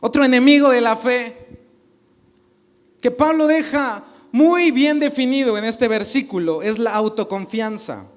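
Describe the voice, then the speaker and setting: High-voiced man preaching a sermon. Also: measured pace. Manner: preaching to a congregation, asking the crowd questions. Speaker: pastor.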